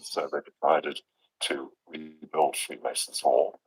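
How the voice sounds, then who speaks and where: A man with a very low voice talks in a loose, rambling way on a livestream. His voice comes through muffled and far from the mic, as if from the other side of a wall. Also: fairly even intonation, slow pace, slightly rough. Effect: muffled, as if heard through a wall. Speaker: livestream host. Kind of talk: casual livestream chat. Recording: muffled, distant mic sound.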